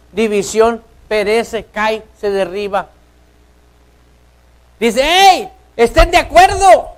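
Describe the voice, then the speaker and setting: A male pastor preaching a sermon, firing rhetorical questions at the congregation and swinging between loud and hushed. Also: extremely high pitch, rough recording. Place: church.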